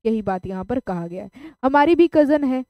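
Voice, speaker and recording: Brief: woman teacher, high voice, dry close sound, explains through examples. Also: animated, moderate pace, no room sound, highs cut off. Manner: explains with everyday examples, checks in with "okay?". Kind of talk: online class lecture.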